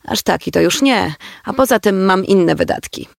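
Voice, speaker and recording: A man voicing an easygoing middle-aged father who speaks calmly and a little philosophically. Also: sits high, normal speed, gravelly, no echo, studio quality, exaggerated voice. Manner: calm, philosophical, teasing.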